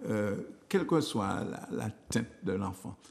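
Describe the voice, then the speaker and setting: An older man with a Martinican accent, a former school head who speaks as a guest in an animated, emphatic way and tells anecdotes. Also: lowish voice, measured pace, creaky, long reverb tail. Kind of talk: studio discussion.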